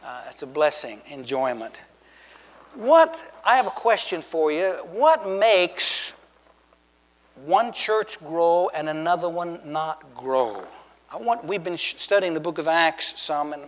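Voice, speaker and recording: A man's voice: fairly high pitch, animated, unhurried, long reverb tail. A man preaching as pastor, telling folksy, joking stories with frequent restarts. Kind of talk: sermon. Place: church sanctuary with long reverb.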